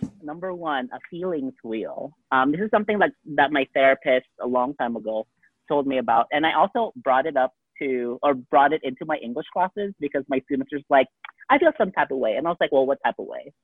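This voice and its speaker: A man co-hosts a laid-back podcast chat, wandering through his thoughts with a steady stream of "like" and "um". His voice sits at an ordinary middle pitch. The sound is narrow and phone-like, with no room echo at all. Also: brisk. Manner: rambling, heavy use of "like" and "um". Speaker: podcast co-host. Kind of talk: casual chat. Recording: tinny phone-like dry sound.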